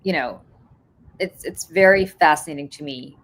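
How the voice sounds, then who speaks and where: Speaking at a normal pace in a low-sitting voice, this woman in her forties, originally from Russia, keeps things casual as a podcast host. She laughs as she tells her stories.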